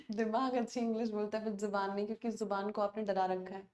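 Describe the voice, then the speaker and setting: A woman's voice: mid-range voice, reverberant. A woman English teacher giving an online class lecture, mixing Hindi and English in a coaxing, chatty way.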